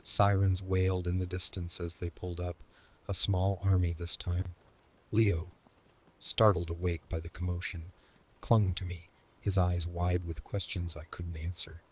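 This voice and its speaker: A man telling a first-person horror story in scripted narration, slow, hushed and dramatic, sometimes sinking into a whisper. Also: low voice, level tone, breathy edge.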